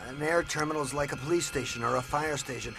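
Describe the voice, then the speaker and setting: A man's voice: fairly high pitch, fast, over music, natural voice, rough recording. A man reasoning through a problem in a methodical way.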